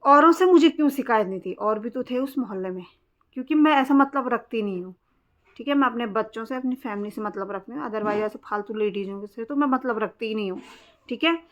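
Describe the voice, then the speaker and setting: Woman, vlogger, casual storytelling, blunt, aggrieved, higher voice, muffled lo-fi audio. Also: brisk. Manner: blunt, aggrieved recounting of a quarrel. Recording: dull lo-fi sound.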